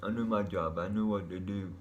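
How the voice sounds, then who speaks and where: Low-voiced man, laid-back rambling stoner drawl. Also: fairly even intonation, a little fast, dull audio, a little hiss or hum. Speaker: vlogger. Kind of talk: rambling casual monologue.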